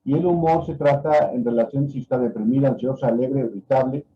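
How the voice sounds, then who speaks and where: A man teaches a medical class at a mid pitch, walking through each point and checking in with his students. The audio is a bit dull and lo-fi. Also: steady tone, brisk, slight background noise. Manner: explanatory, with frequent fillers and "¿no?" tags. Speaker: medical lecturer. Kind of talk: lecture on a neurological exam. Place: online class.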